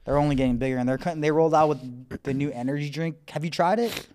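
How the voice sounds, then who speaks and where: A man's voice: a little high, quick pace, a little mellow, slight background noise. A man chatting casually as a podcast co-host in informal, slangy language. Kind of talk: casual chat.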